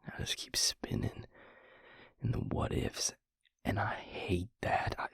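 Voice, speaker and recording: A man voices a weary, guilt-ridden vampire, once a healer, confiding in his mate in a husky, halting near-whisper for an intimate audio roleplay drama. The hushed monologue is a slow, brooding confession, heavy and subdued in mood, recorded dry at studio quality and close to an everyday voice.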